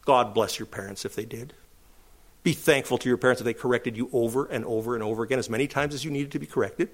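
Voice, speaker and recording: A middle-aged male pastor preaching a sermon, rising to emphatic, high-pitched calls between calmer stretches. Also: quick pace.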